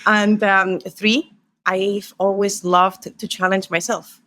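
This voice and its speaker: A middle-aged woman from Spain with a Spanish accent, a guest on an interview podcast, telling stories and counting off her points in a warm way. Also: medium pitch, little pitch movement, takes it slowly.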